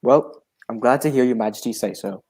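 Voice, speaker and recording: A man acting a genial, proper gentleman doctor who narrates a radio drama. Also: mid-range voice, fairly quick, slightly rough. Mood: relieved, reflective. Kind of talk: adaptation of a 1940s radio drama.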